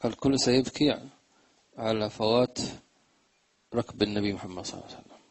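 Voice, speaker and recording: A man teaching a religious lesson in a low, gravelly voice with a husky edge. He chants verses slowly and then talks to his listeners in fast, everyday speech. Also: rough recording.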